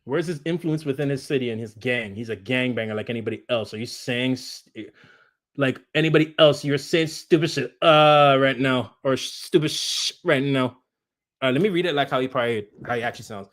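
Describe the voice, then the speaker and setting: A man's voice: medium pitch, fairly quick, a bit bright. A man live streaming, ranting combatively at his chat and repeating his jabs. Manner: combative, repetitive, talks straight at chat. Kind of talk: heated live-stream rant.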